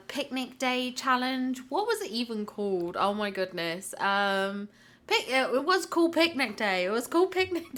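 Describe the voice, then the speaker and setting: A young woman hosts a casual gaming vlog with game commentary, chatty and enthusiastic and repeating words for emphasis. A cold leaves her slightly congested, and her voice sits high, pushed and bright.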